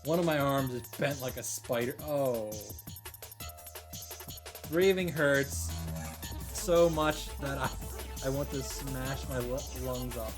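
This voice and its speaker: A man reads a visual novel's first-person narration slowly and with frequent pauses, using a mid-range voice. His delivery is earnest and dramatic, he comments along the way, and game music plays behind him.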